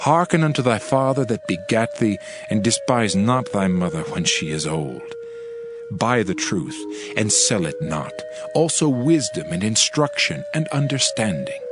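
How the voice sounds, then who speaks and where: A scripture reader with a lowish, animated voice delivers a dramatized Bible reading at a measured pace, solemn, emphatic and oratorical. Music plays behind his voice.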